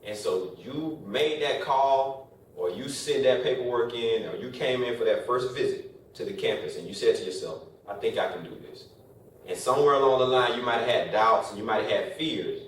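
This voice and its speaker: In a loose, motivational talk to a room of college students, a man jokes around and poses rhetorical questions. His voice sits at a medium pitch and moves at a normal speed. Captured from far away, he sounds distant in a heavily echoing room, with a faint hiss in the background.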